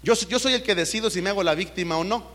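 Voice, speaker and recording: Pastor guy preaching, pretty high voice for a man, keeps firing questions at the crowd and saying brother, long echo off the church walls. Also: fast, fairly bright tone. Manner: asks rhetorical questions, keeps addressing listeners as brother. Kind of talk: sermon. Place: church sanctuary. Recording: long church hall reverb.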